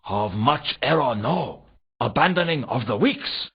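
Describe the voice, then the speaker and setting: Voicing a comic video game's foreign archaeology worker, a man sounds eager and earnest, stringing pompous long words together in stilted, garbled order. It's a full character voice, medium in pitch, animated, unhurried and husky, heard through dull, lo-fi game audio.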